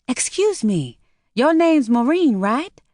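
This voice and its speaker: Lady narrator doing a chatty young receptionist, slight chinese accent w/ a southern drawl, bouncy high voice. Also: big pitch swings, slow pace, a little mellow, no echo, clean studio sound, heavily acted.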